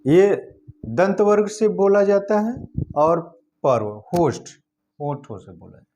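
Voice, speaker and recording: A male teacher giving an exam-prep lesson, slowly sounding out each letter one by one. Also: sits high, very animated, mellow, highs cut off, a little hiss or hum. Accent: Hindi-speaking north Indian.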